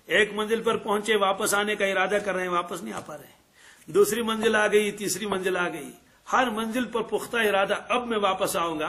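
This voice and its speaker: A man teaching a hadith lesson as a lively storyteller. He asks his listeners questions and answers them himself, and recites Arabic verses. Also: high-pitched. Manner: acts out quoted dialogue in changed voices. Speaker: Islamic scholar teaching hadith.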